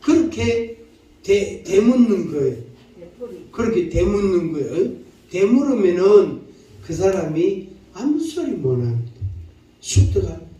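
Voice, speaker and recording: A high-voiced male pastor with a Daegu accent preaches with lively, swooping intonation. He leans on repetition and invites the congregation to repeat his lines. The voice rings through a very echoey church hall, picked up from a distance. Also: measured pace, pauses often. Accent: Gyeongsang (Daegu) dialect. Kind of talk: sermon.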